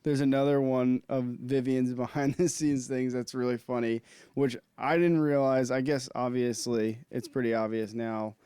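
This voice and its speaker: A man's voice: medium pitch, fairly even intonation, normal speed, mellow, clear, resonant tone, dry recording. A man co-hosting a casual film podcast, chatting with frequent laughs and many filler words. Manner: laughs often, lots of "like" fillers. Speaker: podcast co-host.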